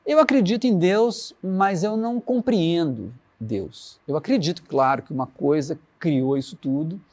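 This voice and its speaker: A Brazilian man, a musician reflecting in an interview and slowly reciting lyrics as he tells stories. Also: fairly high pitch. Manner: warm storytelling, recites his lyrics slowly. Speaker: musician guest.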